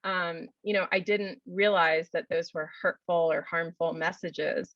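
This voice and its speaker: Woman, lowish voice, thoughtful explainer, dry dull call audio. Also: fairly even intonation, measured pace, no room sound. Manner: thoughtful, many "you know" fillers. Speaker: psychologist guest speaker. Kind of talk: webinar Q&A answer.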